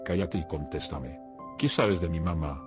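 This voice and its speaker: A man reading the lines of a young girl who questions another child in a calm, threatening way. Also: very deep voice, normal speed. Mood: coldly threatening. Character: cold, menacing little girl interrogating another. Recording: music playing behind the voice.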